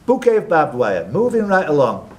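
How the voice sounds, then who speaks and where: Hosting a live club-room quiz, this man reads questions and chats with the players in between. His fairly high voice swoops wildly in pitch while his pace stays moderate. The recording, made live in the social club room, is noisy with ambient sound.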